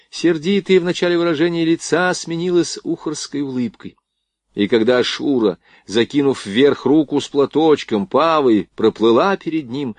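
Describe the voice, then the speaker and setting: Lively male audiobook narrator. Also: medium pitch, no room sound. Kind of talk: scripted narration of a novel.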